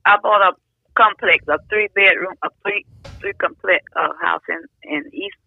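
A woman's voice: mid-range voice, normal speed, gravelly, no echo, phone-quality sound. A woman, chatting plainly as a guest and giving short, blunt answers. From Alabama. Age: 80s. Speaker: guest, the host's grandmother. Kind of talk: casual family chat.

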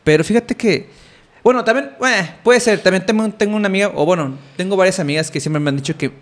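A young man with a Mexican Spanish accent tells a story in casual conversation, speaking quickly in a high voice. He rambles, using many fillers and restarting his sentences.

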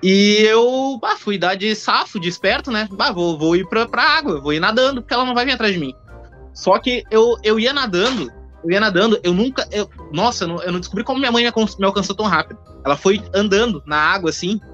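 A man, telling a childhood anecdote in a casual podcast chat, in a chatty, halting way. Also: sits high, animated, a bit bright. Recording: dull recording with faint music.

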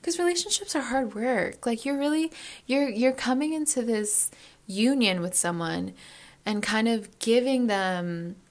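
A woman's voice: a little high, a little slow. A woman in her early twenties, chatting candidly to camera as a vlogger, rambling and full of fillers as she thinks aloud. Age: early 20s. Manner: candid and reflective. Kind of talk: casual confessional chat.

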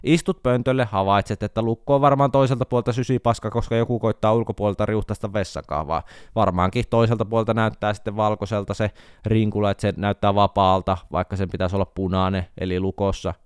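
A man's voice: fairly low pitch, clean tone, dry recording, clean studio sound. A man hosting a podcast, telling a self-mocking comic story in a casual monologue. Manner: wry, self-mocking storytelling with animated outbursts. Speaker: podcast host.

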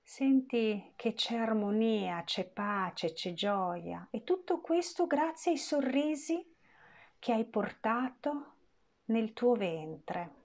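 A woman leading a guided meditation in a gentle, soothing voice with long pauses. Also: fairly high pitch, expressive.

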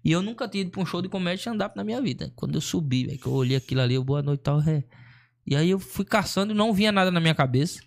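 A man with a fairly high voice rattles through a comic story at a rapid clip. He is slangy and animated, slipping into the voices of the people he quotes. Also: gravelly. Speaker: comedian. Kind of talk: casual storytelling chat.

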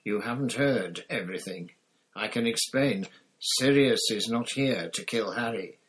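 A man voicing a calm, earnest male teacher who pleads in a soft, urgent way, in an audiobook. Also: fairly low pitch, measured pace, low-quality recording.

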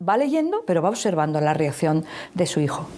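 Expressive woman author explaining, low voice. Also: a little fast, a little hiss or hum. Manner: expressive, acts out story lines when giving examples. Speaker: children's author. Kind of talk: interview answers on reading aloud.

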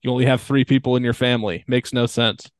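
Young dude ranting sarcastically on a podcast, dry mic, normal pitch. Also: male voice, little pitch movement, fast talker, smooth, dry recording. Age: young adult. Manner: sarcastic ranting with mock quotes. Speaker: podcast co-host. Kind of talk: casual chat.

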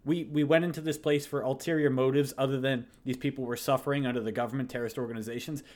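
A man co-hosting a podcast, making measured arguments and granting the other side's points before pushing back. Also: mid-range voice, fairly even intonation, darkish tone. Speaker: podcast co-host. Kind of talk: casual political debate.

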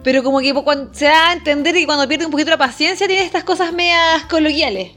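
A woman's voice: high voice, fast, a bit bright, faint music behind. A Chilean woman on a political chat podcast, speaking colloquially and trying to stay balanced. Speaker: podcast panelist.

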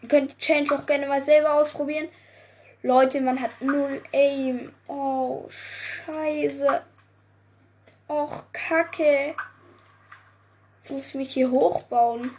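A young woman giving casual gameplay commentary, excitable, often swearing, groaning and exclaiming. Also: sits high, slow pace, pauses often, slight background noise. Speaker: gaming video creator.

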